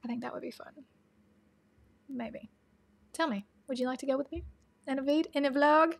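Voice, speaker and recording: A chatty woman with a Tennessee Southern accent hosts a casual livestream and answers viewer questions. She laughs often and slips into soft asides. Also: high-pitched, normal speed, creaky. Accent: Southern American (Tennessee).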